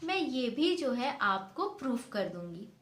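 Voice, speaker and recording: A woman's voice: fairly high pitch, sing-song, unhurried. A woman voicing a patient, persuasive young daughter-in-law. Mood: coaxing. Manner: gently persuasive. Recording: echoey room, faint noise.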